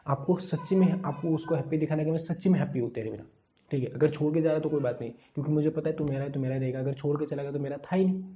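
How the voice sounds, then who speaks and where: A man's voice: fairly high pitch, fairly even intonation, rapid-fire, warm tone, dull audio. A man giving earnest, preachy relationship advice straight to his viewers, repeatedly calling them his friend. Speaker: love advice vlogger. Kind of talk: direct-to-camera advice talk.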